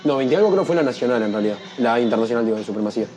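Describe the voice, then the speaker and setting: A man's voice: rapid-fire, over music. A young man, telling a story as an interview guest and acting out the people he quotes. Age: young adult. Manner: animated, acts out quoted voices in a higher pitch. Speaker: guest, freestyle rapper.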